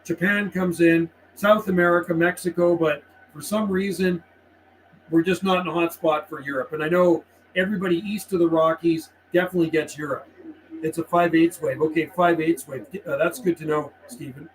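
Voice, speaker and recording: In a low-quality recording full of clear CB radio noise and ambience, a middle-aged Canadian man hosts a relaxed live stream, chatting warmly and calling out on CB channels. His fairly high voice stays fairly even in intonation at a normal speed.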